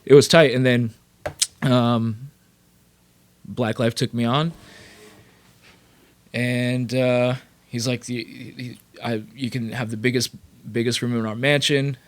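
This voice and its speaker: A man from California, a rapper and producer, telling his career story as a podcast guest in a loose, animated way full of fillers and swearing. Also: medium pitch, slow pace, pauses often. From Sacramento, California. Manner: animated, profane, lots of fillers. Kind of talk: casual storytelling.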